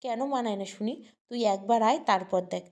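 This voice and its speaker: A woman voicing an excited young woman pleading with her friend to come to her party. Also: on the high side, fairly quick, close to an everyday voice.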